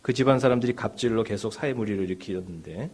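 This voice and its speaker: A man's voice: on the low side, fast talker. A middle-aged man, a pastor, preaching a sermon in a conversational way, with rhetorical questions and frequent affirming fillers. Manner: rhetorical questions, rising and falling in loudness.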